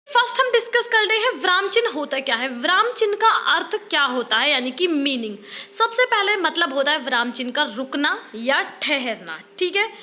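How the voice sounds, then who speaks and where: A young woman with an extremely high, bright, forceful voice teaches online for a teacher-training exam. Her casual lecture mixes Hindi and English, and she chats along, repeatedly saying "dekhiye" and "theek hai," meaning "see" and "okay."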